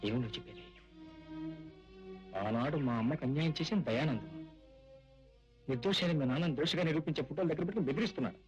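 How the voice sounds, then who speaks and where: A man playing a quick resolute young hero. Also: on the high side, lively intonation, muffled recording, natural voice. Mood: determined. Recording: film soundtrack with background music.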